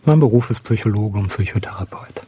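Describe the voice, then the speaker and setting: A man in his fifties, a psychologist and psychotherapist, recalling an early career episode calmly and reflectively. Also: fairly low pitch, fast talker, breathy edge, no echo. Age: 50s. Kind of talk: interview recollection.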